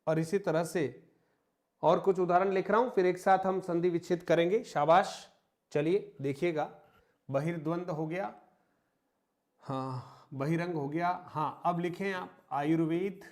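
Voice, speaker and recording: A man teaching a Hindi grammar lesson, slowly dictating example words, repeating them, asking questions and answering them himself. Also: fairly high pitch, a little mellow. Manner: slow, repetitive dictation of example words, often addressing "मित्रों". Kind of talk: online exam-prep grammar lesson.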